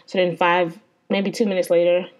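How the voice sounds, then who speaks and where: Low-voiced woman telling a profane story. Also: level tone, normal speed. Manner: profane, exasperated and rambling. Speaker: podcast host. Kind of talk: casual storytelling.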